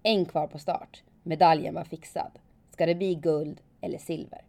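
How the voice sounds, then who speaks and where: A woman calmly narrating her own story in the first person, reflective and steady. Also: low-pitched, gravelly, a little hiss or hum. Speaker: former alpine skier telling her story.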